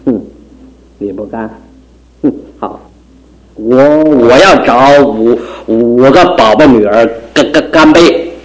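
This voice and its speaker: A man's voice: mid-range voice, takes it slowly, lightly acted, low-quality recording. An actor playing a bitter, stubborn husband and father who craves a son, in theatrical radio drama style with a stammering delivery. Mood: drunk, boisterous.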